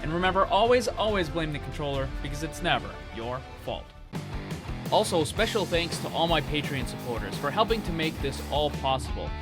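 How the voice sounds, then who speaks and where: Over music, a man narrates gaming news from a script, upbeat and informal, addressing his audience emphatically. His pitch runs fairly high, his intonation is lively, and he talks a little fast.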